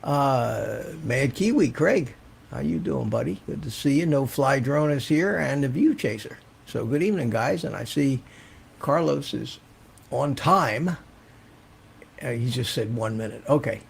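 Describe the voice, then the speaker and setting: An older man hosting a casual live stream, rambling and halting as he repeats words, with the low hiss of a fan behind him. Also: lively intonation, creaky, husky. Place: warm indoor room. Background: hissing fan.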